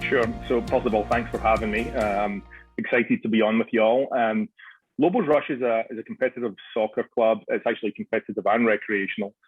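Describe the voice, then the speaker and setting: A man's voice: lowish voice, fairly quick, slightly rough, faint music behind, rough recording. A Scottish man in his forties, a soccer club director, answering radio interview questions with many restarts and fillers. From Scotland.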